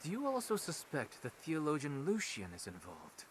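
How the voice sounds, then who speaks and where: An earnest young-sounding knight of the faith in a video game. He is formal and dramatic, slightly high with wide intonation, over a faint hiss. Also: huge pitch swings, normal speed. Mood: grave, formal. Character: earnest, urgent male holy knight. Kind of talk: scripted video game voice acting.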